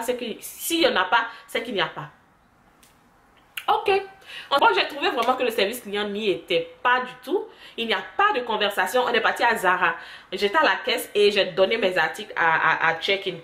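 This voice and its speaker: A young woman vlogger telling stories to the camera in a chatty, animated way. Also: mid-range voice. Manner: chatty storytelling, animated asides. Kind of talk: casual chat to camera. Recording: echoey room.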